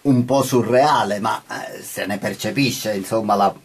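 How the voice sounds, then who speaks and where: A male interviewer introduces the guest and asks him measured questions. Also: lowish voice, a little hiss or hum.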